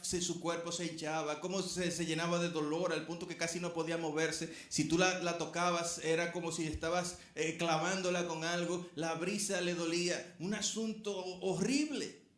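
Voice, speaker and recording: A man's voice: sits high, fairly bright tone. Man preaching a sermon in an echoey church. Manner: preaching, earnest, addresses the congregation. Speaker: pastor.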